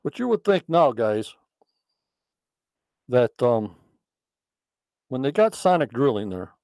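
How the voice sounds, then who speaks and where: A man's voice: mid-range voice, very animated, takes it slowly, darkish tone, no room sound. Male host, chatty and enthusiastic, dry close sound. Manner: enthusiastic, repetitive praise and chatty asides. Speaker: podcast host. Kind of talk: casual live discussion.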